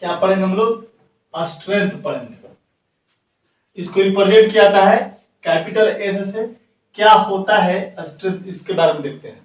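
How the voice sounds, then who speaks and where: A male chemistry teacher giving a lecture. He asks his class questions and answers them himself, and repeats words slowly while dictating notes. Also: high voice. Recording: distant, dull echoey room.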